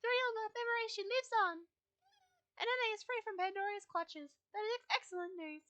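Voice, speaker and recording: Woman doing ancient cosmic blue spirit, solemn, measured, high bright voice.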